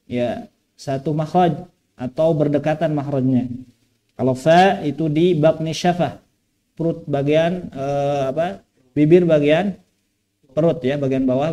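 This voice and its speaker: A man with a fairly high, mellow voice teaches Quran recitation in a mosque. During this tajweed lesson he draws out phrases and patiently corrects pronunciation.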